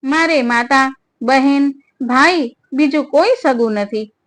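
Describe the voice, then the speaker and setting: A woman's voice: high-pitched, slow pace, fairly bright tone. A woman reading the lament of a young sage's daughter left alone after her father's death, asking grieving questions.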